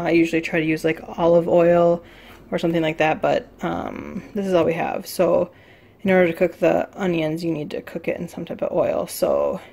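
A woman's voice: fairly low pitch, mellow. A young woman talking casually in her home kitchen as she cooks, rambling with lots of fillers, filmed on a phone held at arm's length. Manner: chatty and rambling, with many fillers. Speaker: cooking vlogger. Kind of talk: casual cook-along vlog. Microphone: phone camera at arm's length.

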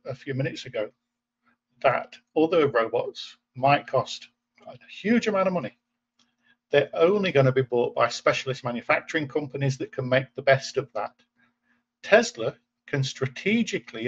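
An Englishman in his forties, with a medium-pitched and slightly rough voice, hosts a casual video-call interview from a room at home. He muses thoughtfully and often restarts his phrases, and the webcam audio comes through muffled and lo-fi.

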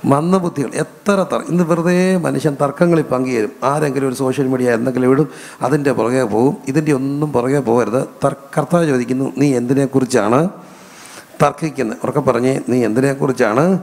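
Malayali pastor preaching in an echoey church. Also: male voice, medium pitch, steady tone, gravelly, darkish tone. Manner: asks the congregation questions and answers them himself, drawn-out emphatic phrases. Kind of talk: sermon with call-and-response questions. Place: church hall.

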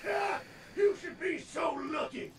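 An actor with a Southern accent playing a menacing male crab captain of the guard, booming threats as a game boss. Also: unhurried, shouting. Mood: threatening. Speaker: boss enemy. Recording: game audio with music and crowd. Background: game music and crowd noise.

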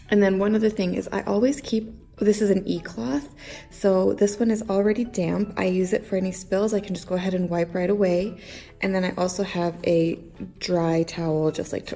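A woman's voice: fairly low pitch, warm tone. A woman in her thirties chatting casually through a home baking demo in her kitchen, rambling with lots of fillers.

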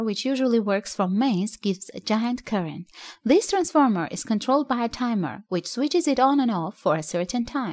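Woman narrating an electronics build. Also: a little high. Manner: steady explanatory reading with non-native phrasing. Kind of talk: scripted voice-over narration. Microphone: voice-over.

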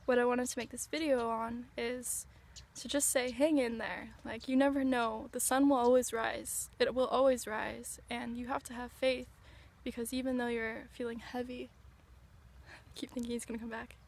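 A woman in her twenties talking to camera outdoors in a reflective vlog, dreamy, halting and earnest while tripping on mushrooms. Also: fairly high pitch, flat delivery. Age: 20s. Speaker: vlogger. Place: outdoors on a sandy riverbank. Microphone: camera or phone at arm's length. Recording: outdoor ambient noise, handheld camera.

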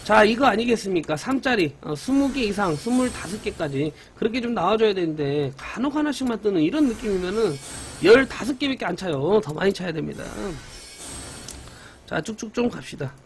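A man's voice: high voice, brisk. A young man streaming a mobile game live, cheering on his upgrades and bantering playfully with chat viewers. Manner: excited, banters with viewers, mock-cursing.

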